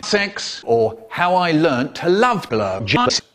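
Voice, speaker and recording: A man reading comic stories aloud in a very expressive way, making sound-effect noises and doing voices. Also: a little high, slow pace. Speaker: storyteller. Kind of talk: animated comic story reading.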